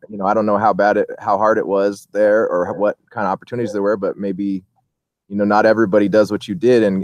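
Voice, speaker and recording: A man's voice: fairly low pitch, darkish tone, no echo, studio quality. A man hosting a casual interview, rambling through long questions with many fillers and restarts. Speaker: interview host.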